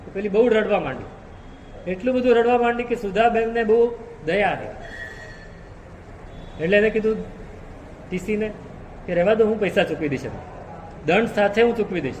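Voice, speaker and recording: A man with a high voice delivers a sermon, telling a long story and repeating key phrases to drive them home. His voice rings through a reverberant hall, with faint room noise behind him. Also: brisk, pauses often, darkish tone. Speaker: preacher.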